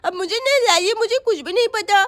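A woman's voice: extremely high pitch, brisk, a bit bright. Woman doing a whiny squealing village girl. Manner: complaining, shooing, squealing.

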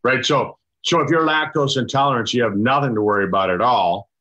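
Older man explaining haltingly on a dull call. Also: medium pitch, pushed and bright. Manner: halting, many restarts and fillers, explaining. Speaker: doctor presenting a product. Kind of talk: casual explanatory chat on a video call. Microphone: video call. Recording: dull lo-fi video call audio.

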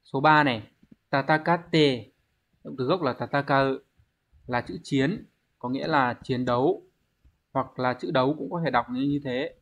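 A Japanese teacher leads an online exam review, explaining word readings and checking in with the class through rhetorical questions. His medium-pitched, slightly bright voice moves a little slowly with frequent pauses, and the recording sounds muffled.

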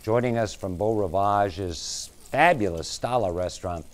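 A man's voice: lowish voice, normal speed. An older man anchoring a TV news kitchen segment, chatty and upbeat, on a lapel mic in a studio kitchen set.

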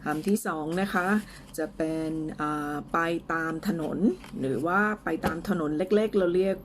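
A Thai woman teaching English in a casual lesson, speaking slowly and carefully as she drills pronunciation, with a few fillers. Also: lowish voice, slight background noise.

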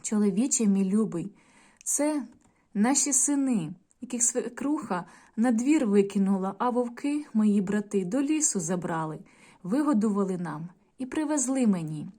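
A woman reading as a gentle young wife in a storybook. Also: medium pitch, animated, normal speed, close to an everyday voice. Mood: tender.

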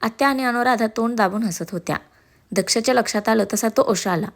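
A woman's voice: on the high side, fairly quick. A woman storyteller narrating a scripted story expressively. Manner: expressive reading.

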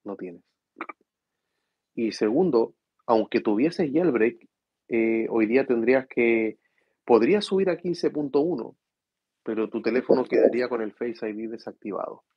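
A tired man, hosting a casual tech livestream from home and speaking softly so his sleeping kids don't wake. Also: mid-range voice, a little slow, pauses often, slightly rough, no room sound, muffled recording. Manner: speaks softly to avoid waking his children. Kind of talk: casual live chat reading viewer questions. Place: room at home at night.

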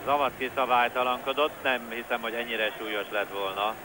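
A man's voice: medium pitch, little pitch movement. A man giving live football commentary in a conversational way, with clipped calls of players' names. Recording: noisy old TV broadcast, stadium ambience. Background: stadium crowd noise.

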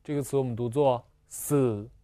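A man teaching a language lesson, slowly explaining spelling and pronunciation with patient repetition and small fillers. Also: mid-range voice, mellow, no echo, studio quality. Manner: slow and patient, repeats syllables twice, fillers like "啊" and "呃". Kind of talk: slow, deliberate classroom explanation.

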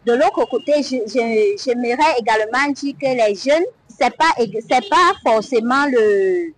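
A young woman answering on the street, halting with restarts. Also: a little high, a little hiss or hum, rough recording. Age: young adult. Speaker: street interviewee. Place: outdoors, street. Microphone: lapel.

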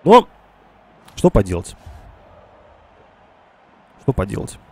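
Slow, creaky and husky, a game streamer's fairly low voice swings widely in pitch as he casually narrates a strategy game live. He has a cold, which leaves him nasal and congested while he reasons aloud to his chat.

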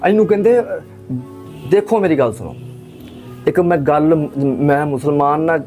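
A man's voice: a little high, darkish tone. A man from Pakistan giving an impassioned religious talk, driving points home with rhetorical questions and emphatic repetition. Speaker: religious speaker.

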